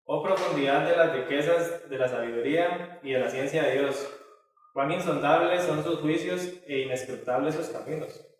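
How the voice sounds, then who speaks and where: A man's voice: fairly high pitch, normal speed. A man teaching a Bible study lesson in a conversational way, with many filler tags and restarts. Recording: echoey hall from far off.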